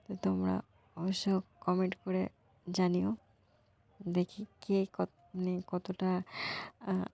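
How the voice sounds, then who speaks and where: A young woman, hoarse from a cold, talking softly to her viewers in a casual vlog. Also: monotone, slow, long pauses, no room sound. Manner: soft, low-volume talk. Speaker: vlogger.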